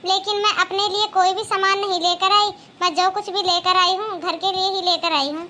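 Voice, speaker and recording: A gentle, patient young daughter-in-law in a cartoon, voiced by a woman, speaks in a very high, bright voice. She pleads politely and keeps her tone soft. Faint noise sits behind her. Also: steady tone, moderate pace. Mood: pleading. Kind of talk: cartoon moral-story dialogue.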